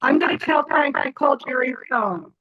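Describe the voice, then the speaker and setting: A woman's voice: sits high, animated, normal speed, dry recording. A woman joining a meeting over a video call, explaining connection trouble in a plain, matter-of-fact way, her voice coming through garbled and glitchy. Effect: garbled, glitchy video-call audio. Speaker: remote meeting participant. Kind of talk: casual meeting chat. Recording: dull lo-fi video-call line.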